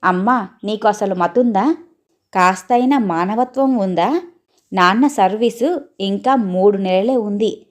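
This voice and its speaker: A woman's voice: mid-range voice, measured pace, long pauses, natural voice. A devoted young woman in a spoken story, read by a woman, protective of her father. She talks with earnest, reproachful urgency. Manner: pleading, reproachful.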